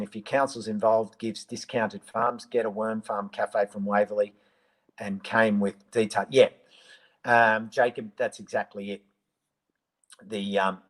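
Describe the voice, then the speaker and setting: A man talks in a fairly low voice, speaking casually into a live-stream microphone. He rambles and restarts often, with plenty of ums as he answers viewers one by one. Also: rough recording. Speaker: gardening presenter answering viewer questions.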